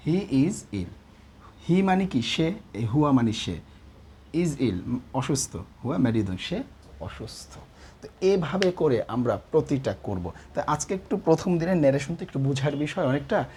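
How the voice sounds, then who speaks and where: A man's voice: medium pitch, warm tone, a little hiss or hum. A man teaching a grammar lesson, explaining patiently and often checking that the class follows.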